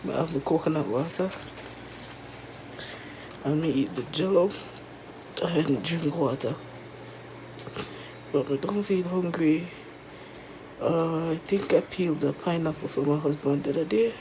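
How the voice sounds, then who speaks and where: A woman with a Jamaican accent chats casually to viewers in a halting, weary way, her throat sore and mouth dry after tonsil surgery. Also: sits low, background noise. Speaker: vlogger. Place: resting at home in bed.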